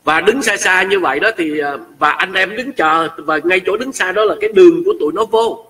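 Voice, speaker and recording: A man telling a personal story in an animated way, acting out heated quotes. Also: high-pitched, brisk, distant mic, poor audio. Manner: excitable, acts out shouting quotes.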